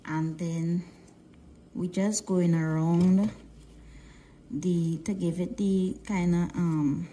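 Talking casually over a nail art tutorial, a Guyanese woman with a mixed Guyanese-Trinidadian accent speaks in a fairly low voice, relaxed and halting, with many fillers. She often drops to a near whisper, and a little hiss or hum can be heard.

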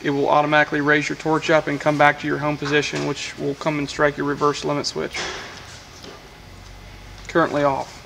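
A man's voice: on the high side, monotone, fairly quick, vocal fry, background noise. A man, a welding equipment technician, walking through a machine's control panel in a matter-of-fact way, with frequent fillers, recorded in a workshop on a camera mic. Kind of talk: hands-on equipment demonstration.

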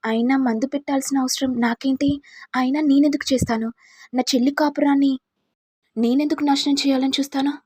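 A woman's voice: sits high, steady tone, fairly quick, warm tone, no room sound, voice pushed up, close to an everyday voice. A woman reading a young wife desperately pleading innocence. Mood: pleading defensive. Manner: defensive, pleading.

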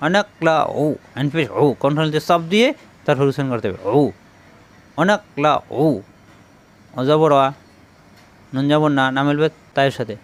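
Clear-voiced man teaching Quran letters. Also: medium pitch. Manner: slow, patient, syllable-by-syllable drilling. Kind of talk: spelling out Arabic letters for learners.

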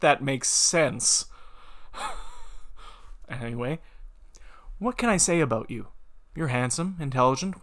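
A man's voice: on the high side, fairly bright tone. A man reading computer-written stories aloud at his desk, amused and laughing between lines. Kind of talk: casual reading with commentary.

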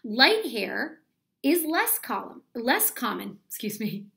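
Inside a small room at home, an elementary school teacher reads aloud to children, explaining step by step and asking them questions. Her voice is a little high, with vocal fry and a sharp tone, very animated, and she speaks slowly.

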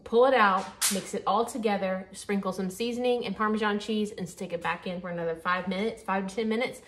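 She talks fairly quickly in a mid-range voice, hosting a casual home cooking video from her kitchen counter and chatting easily as her hands work through each step. An overhead camera captures the counter, and the background is noisy with clinking dishes and pans.

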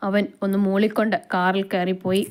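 A woman's voice: mid-range voice, little pitch movement, fairly quick, smooth. A woman with a Malayali accent narrating a romance story aloud, reading it dramatically and giving each character a voice.

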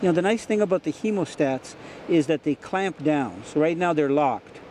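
A middle-aged fishing host narrates on location beside a mountain river, enthusiastic and explanatory. His voice sits a little high for a man. Steady outdoor water noise runs underneath. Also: normal speed.

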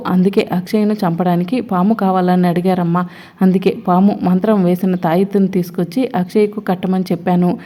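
Brief: woman reading grasping male snake charmer, mellow, plain delivery, no put-on voice. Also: on the low side, natural voice. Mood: confessing. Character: scheming middle-aged male snake charmer, whining about money.

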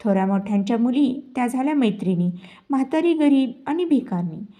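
A woman voicing a poor, proud old beggar woman in a storybook tale, speaking softly between coughs. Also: on the high side, animated, a little slow. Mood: indignant.

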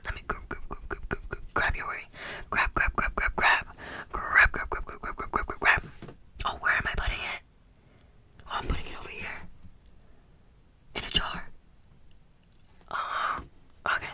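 A young woman in a breathy, soothing whispered role-play, very close to the microphone, repeating phrases with tingly ASMR mouth sounds. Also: moderate pace, pauses often, bright, forceful tone. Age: young adult. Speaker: ASMR creator. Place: small room indoors. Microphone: close desktop condenser microphone.

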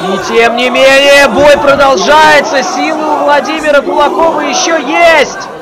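A man commentates live wrestling in an extremely high, excited voice. He calls out the moves play-by-play and stretches key words for emphasis. A clearly audible crowd sits behind him throughout. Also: unhurried. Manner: shouts out move names, drawing out key words. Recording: crowd noise of a live event.

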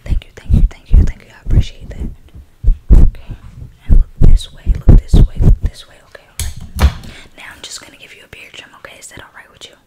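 Fast whispered role-play, young woman barber. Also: low-quality recording. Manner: fast, hurried ASMR whispering. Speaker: ASMR creator playing a barber. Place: small dim bedroom, indoors. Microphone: close desktop condenser mic with fluffy windscreen.

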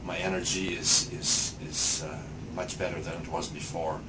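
A man's voice: low-pitched, level tone, moderate pace, very noisy. A man in his sixties, speaking hesitantly with many fillers and restarts while giving a patient testimonial in a small clinic room. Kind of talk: casual interview answers.

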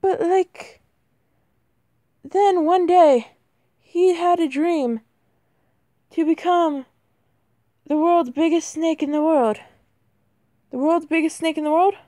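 Speaking slowly and pausing often, a woman with a very high-pitched, warm voice talks through a mobile game in a casual, easily flustered way. Her voice cracks, and "bro" and "like" come up constantly as she pokes fun at herself. It's a dry, studio-quality recording.

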